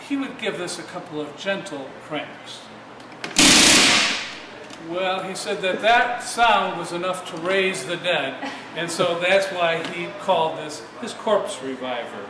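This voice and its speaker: A man guiding a museum tour indoors, speaking conversationally with fillers and pauses. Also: sits high, expressive, heavy background noise. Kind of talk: guided tour talk. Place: historic laboratory building, indoors. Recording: echoey room with a crowd around.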